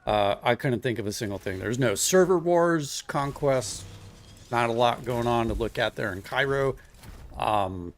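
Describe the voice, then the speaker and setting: A man who develops software streams live, talking easily and aimlessly to his audience as he codes, saying hello to chat viewers and leaning on plenty of "uh"s and "um"s. His mid-range voice moves at a measured pace through one desk mic, with a bit of hiss or hum.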